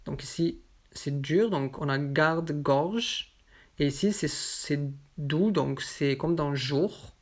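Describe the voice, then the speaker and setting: A woman teaching French pronunciation, saying example words one at a time with careful, deliberate articulation. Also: low-pitched. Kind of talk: slow pronunciation lesson.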